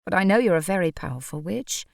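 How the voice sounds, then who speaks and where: A woman with a lowish voice narrates a first-person audiobook in a wry, brisk way. She is recorded on a close studio mic with a dry sound and no room echo. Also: expressive, creaky.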